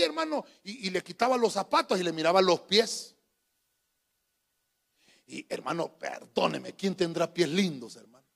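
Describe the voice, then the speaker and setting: A pastor with a high-sitting, creaky, somewhat bright voice preaches a sermon to his congregation in church, holding a handheld microphone. His style is folksy and joking, and he often calls them brother.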